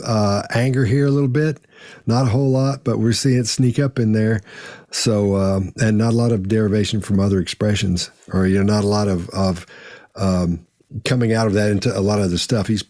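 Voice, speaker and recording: A man's voice: fairly low pitch, warm tone, dry recording, clean studio sound. A man hosting a casual panel discussion, rambling and restarting as he gives his read on body language. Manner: rambling, with many fillers and restarts. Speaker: panel host.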